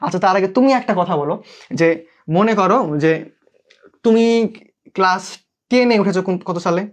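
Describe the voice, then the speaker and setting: A young Bangladeshi man teaches English in a live online class, speaking with a Bengali accent and repeatedly checking in and asking students to comment. His voice sits high at a normal speed. The recording sounds muffled.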